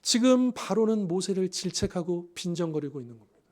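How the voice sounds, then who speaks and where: A man's voice: high-pitched, animated, fairly quick, darkish tone. A male pastor giving a sermon in a conversational way, asking the congregation rhetorical questions.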